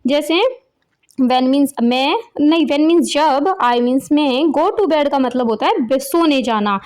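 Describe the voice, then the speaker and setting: High-voiced Indian woman teaching English. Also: darkish tone. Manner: reads English lines very slowly, then explains them in simple words. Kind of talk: explaining an English lesson to children.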